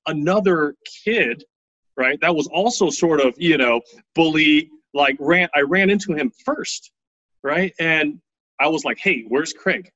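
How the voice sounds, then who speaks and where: A man's voice: fairly high pitch, measured pace, sharp tone, no room sound, lo-fi sound. A man in his thirties from Taiwan, telling his life story casually as an interview guest, often tagging his lines with "right?".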